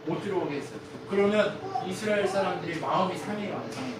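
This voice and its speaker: Pastor giving a sermon, lots of questions to the crowd, big echoey hall, a steady hiss of room noise underneath. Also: far from the mic. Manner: asks the congregation constant rhetorical questions; swings between loud emphatic peaks and hushed low lines. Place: church sanctuary.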